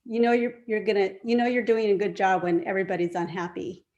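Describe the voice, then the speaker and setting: Woman, new city official, sincere and halting, lots of "um" and "you know". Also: medium pitch, little pitch movement, a little mellow, highs cut off. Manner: earnest, many fillers and restarts. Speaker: incoming director of community development. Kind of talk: informal remarks at a meeting.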